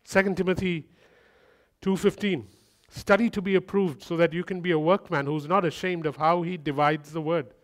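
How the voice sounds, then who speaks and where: A man's voice: on the high side, fairly even intonation, normal speed. A man preaching a sermon in a conversational way, with humorous asides and repeated phrases that build up.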